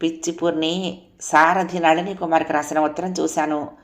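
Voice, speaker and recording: A woman's voice: sits low, little pitch movement, moderate pace, close to an everyday voice. A woman voicing a remorseful young husband who speaks in a pleading, tender way.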